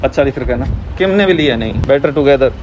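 A man's voice: medium pitch, lively intonation, brisk, noisy background. A man hosting a vlog, chatting and joking through a face mask on a busy street. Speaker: vlog host. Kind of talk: casual chat to camera. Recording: crowd chatter behind.

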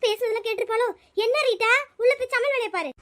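A woman's voice: extremely high pitch, very fast, fairly bright tone. A woman voicing a scheming, superstitious mother-in-law in a cartoon, who scolds and gives orders. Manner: scolding, commanding. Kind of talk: cartoon voice acting.

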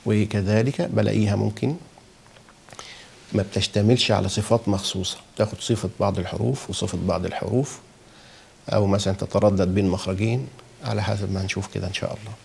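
A man teaches a lesson on pronouncing letters, speaking with an Egyptian Arabic accent. His voice sits low and has a gravelly edge. He keeps checking that his listeners follow and says the sounds aloud to show them, over a faint background hiss. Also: fairly even intonation, fast, darkish tone. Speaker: Quran recitation teacher. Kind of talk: explaining a lesson.

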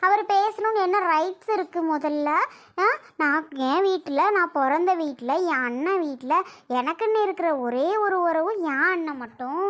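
High voice doing a furious proud sister-in-law. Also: a bit bright. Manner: accusing, demanding, repeats her questions. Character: angry, proud woman sister-in-law, middle-aged. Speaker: sister-in-law in a family skit. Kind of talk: Tamil family drama skit.

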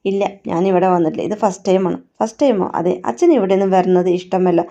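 A woman's voice: lowish voice, fairly even intonation, fast, dark tone, close to an everyday voice. A woman voicing a defiant young woman who feels betrayed by her family, emotional and reproachful, on a dull lo-fi recording. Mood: sad.

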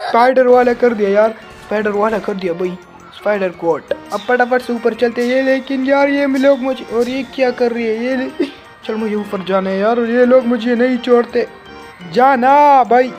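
A man giving excited let's-play commentary as a gaming channel host. He yelps, repeats words over and over, and keeps calling the viewer brother. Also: extremely high pitch, moderate pace, soft background music.

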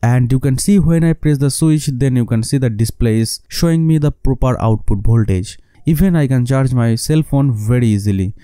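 A man's voice: mid-range voice, moderate pace, hardly any pauses, dark tone, smooth, dry recording. A man with a Bengali accent, a native Bengali speaker, narrating a scripted DIY how-to in non-fluent English. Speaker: host of a DIY electronics channel.

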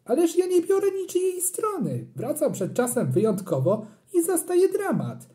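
A reader voicing a tired father home from work, calm and mildly puzzled. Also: medium pitch, measured pace. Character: tired, bewildered father, adult man. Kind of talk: audiobook character reading.

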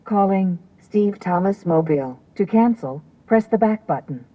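A woman's voice giving measured, impersonal, synthetic voice assistant prompts in a car system. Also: medium pitch, expressive, phone-quality sound. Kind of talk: voice assistant prompt, scripted and segmented.

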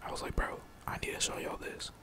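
This gaming streamer is a young man who keeps a brisk, whispered patter going as he plays. The sound is airy, nearly toneless breath. Expect meandering slang-heavy chatter with lots of swearing.

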